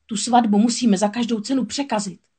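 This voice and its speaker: A woman's voice: fairly high pitch, a little mellow, voice pushed up, lightly acted. A bossy crab barks out orders with urgency, as a woman puts him on in a storybook reading. He takes charge of everyone around him. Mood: commanding. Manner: commanding, urgent.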